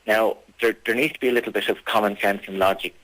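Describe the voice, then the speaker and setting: A man being interviewed on radio as a campaigner, speaking formally and insistently, with halting phrasing. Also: fairly low pitch, fairly even intonation, a bit bright, low-quality recording.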